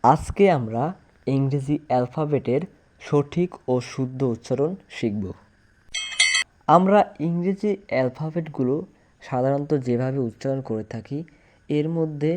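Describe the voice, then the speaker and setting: A man giving an explanatory language lesson, repeating each point slowly and firmly. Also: mid-range voice, mellow. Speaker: English teacher.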